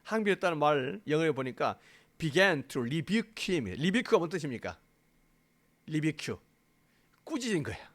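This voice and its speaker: A man's voice: on the high side, very animated, measured pace, long pauses. A man preaching a sermon to his congregation as pastor, speaking emphatically, asking them questions and acting out quotes. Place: church sanctuary.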